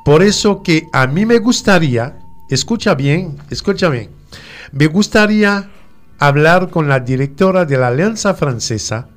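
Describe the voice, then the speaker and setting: French-native male teacher, slow and deliberate, fairly high voice, letter-by-letter drills, faint music bed. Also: animated. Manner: slow, repeats letters and words for pronunciation drills. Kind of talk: radio French lesson.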